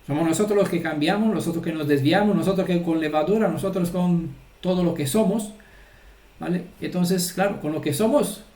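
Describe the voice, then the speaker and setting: A Torah teacher gives an informal, earnest religious lesson, often checking that his listeners are following along. His voice sits high and sounds mellow, his pace is brisk, and the recording has a roomy sound.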